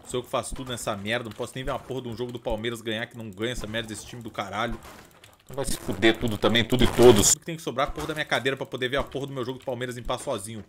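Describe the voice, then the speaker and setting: A man with a Brazilian Portuguese accent giving let's play commentary as a gaming streamer, swearing constantly and breaking into loud outcries. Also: mid-range voice, rapid-fire, background noise. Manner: profane, excitable, bursts into loud outcries.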